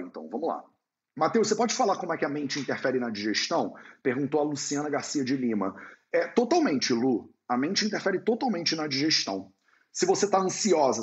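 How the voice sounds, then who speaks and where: A man hosting a casual live-stream Q&A as an Ayurveda teacher, talking in an animated, slangy, storytelling way. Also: medium pitch. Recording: dull lo-fi sound.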